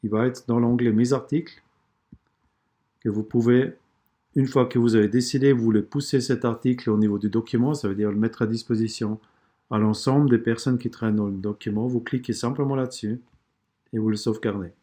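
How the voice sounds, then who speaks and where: A man with an accent walking through a software tool step by step, with frequent fillers and restarts. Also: mid-range voice, fairly even intonation, fairly quick. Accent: non-native or regional French accent. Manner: explanatory, hesitant, many fillers and restarts. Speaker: software tutorial presenter. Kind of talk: screen-recorded software tutorial.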